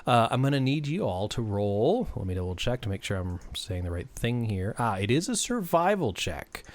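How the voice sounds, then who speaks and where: A man's voice: medium pitch, big pitch swings, normal speed. A man hosting and narrating a tabletop game as game master, casual and jokey, feeling for his words. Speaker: game master and stream host.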